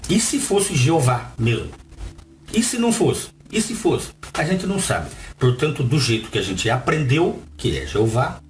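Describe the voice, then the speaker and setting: A man's voice: mid-range voice, very animated, measured pace. A man with a Brazilian Portuguese accent reading a text aloud and adding his own commentary, often putting rhetorical questions to the listener. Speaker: Bible reader and teacher. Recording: roomy echo with faint background noise.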